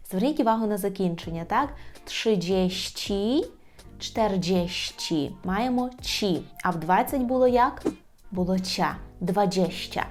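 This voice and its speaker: A woman teaching a language lesson, explaining patiently, often asking "right?" and repeating words slowly. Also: medium pitch.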